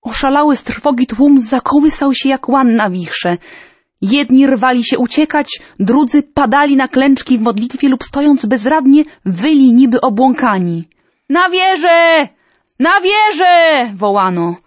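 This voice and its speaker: A woman reading a historical story aloud in a measured, solemn, dramatic manner. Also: high voice, a little mellow, no room sound. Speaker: narrator. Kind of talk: storybook narration.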